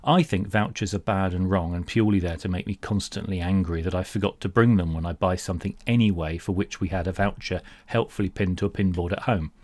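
Low-voiced British man, mock-pompous and exasperated. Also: fairly quick, few pauses, darkish tone, no echo. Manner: mock-pompous, grandiose phrasing; exasperated, sarcastic. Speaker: humorous monologue host. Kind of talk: comedic rant monologue.

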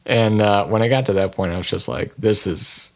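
A man's voice: fairly low pitch, fast talker. A man who is an artist, co-hosting a casual podcast and often restarting his phrases as he talks.

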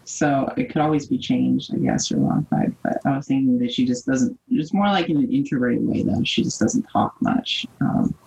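A woman's voice: very deep voice, very animated, normal speed, creaky, few pauses, darkish tone, muffled recording. A woman playing in a tabletop game, thinking aloud about her character in a hesitant, giggly way. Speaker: player. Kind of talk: casual tabletop game chat.

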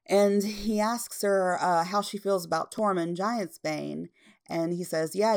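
A woman casually recapping a TV episode, retelling scenes with lots of fillers. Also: lowish voice.

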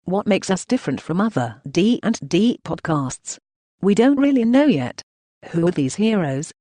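A woman's voice: fairly low pitch, very animated, moderate pace, warm tone, dry recording. A synthetic female robot voice reading a scripted podcast intro in a chirpy way. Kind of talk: scripted text-to-speech intro.

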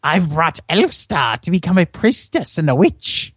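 A man's voice: on the high side, very animated, a little slow, a bit bright, dry recording, pitched above the performer's own voice, full character voice. Man doing a scheming woman game master, honeyed, lilting, dry close sound.

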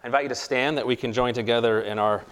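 A man leads a church communion service at a mid pitch, steady and earnest in delivery. His voice carries a long cathedral-like echo, recorded in a large sanctuary. The reverb lingers after each phrase. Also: quick pace, a little hiss or hum. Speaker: pastor. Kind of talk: leading a communion liturgy.

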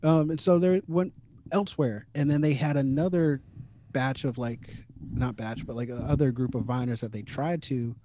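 A man chats casually on a podcast, telling stories with lots of energy. He laughs often and swears freely, and his voice sits at an ordinary middle pitch. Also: steady tone, moderate pace, dark tone, slight background noise. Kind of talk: casual chat.

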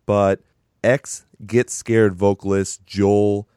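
A man's voice: on the low side, level tone, takes it slowly, dark tone, clean tone, no echo. A young adult man hosting a podcast in casual chat, congested from sinus trouble, with a dry, self-mocking humor. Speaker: podcast host.

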